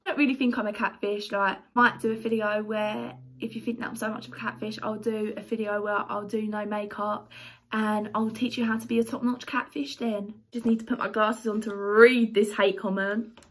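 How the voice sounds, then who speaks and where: A woman's voice: medium pitch, little pitch movement, normal speed, a little hiss or hum. A young woman reading viewer comments aloud and answering them in a chatty, blunt, sarcastic way in a casual vlog. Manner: reads comments aloud, then reacts.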